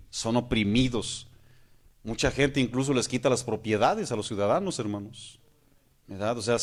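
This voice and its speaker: A man, a pastor preaching a sermon. He asks his listeners questions and keeps calling them "hermanos". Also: medium pitch. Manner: acts out praying voices mid-sermon.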